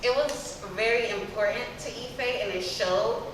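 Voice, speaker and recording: A woman's voice: fairly high pitch, unhurried. A woman speaking earnestly at a panel. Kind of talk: panel remarks. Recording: distant reverberant hall with noise.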